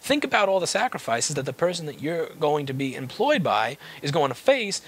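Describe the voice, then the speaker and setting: Sing-song, brisk, and breathy-edged, this man's fairly high voice carries an unscripted, exasperated rant aimed at viewers. He owns a repair business and is making a video, swearing now and then and repeating phrases for emphasis while staying blunt throughout.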